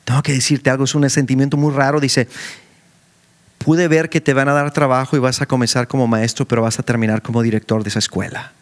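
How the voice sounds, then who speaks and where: A middle-aged man, preaching a sermon as a story and acting out the dialogue with sudden jumps in pitch. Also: steady tone, quick pace. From Mexico. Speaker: preacher and school director.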